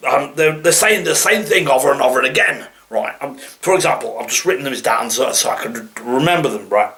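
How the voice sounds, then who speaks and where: A man's voice: medium pitch, animated, a little fast, bright, forceful tone. A man with a Nottingham East Midlands accent giving a comic, rambling monologue to viewers, grumbling in mock annoyance and stammering over repeated words as he digresses. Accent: East Midlands English, Nottingham. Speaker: comic dialect vlogger.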